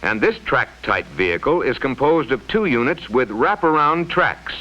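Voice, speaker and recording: A man narrates a mid-century science film in a formal, explanatory style with animated intonation. His voice is medium in pitch and moves at a moderate pace. The sound is muffled and lo-fi, like an old vintage recording.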